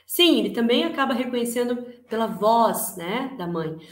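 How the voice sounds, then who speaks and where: Animated Brazilian woman lecturing class. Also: fairly high pitch, normal speed. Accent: Brazilian Portuguese. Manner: animated, asks the class rhetorical questions. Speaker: teacher giving an online class. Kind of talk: lively spoken lecture. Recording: echoey room.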